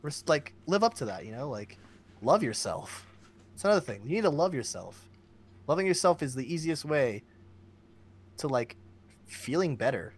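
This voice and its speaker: Lively, swearing man chatting casually. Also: on the high side, normal speed, long pauses, slightly rough. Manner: animated, swears often, laughs a lot. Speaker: guest streamer. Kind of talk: casual podcast chat.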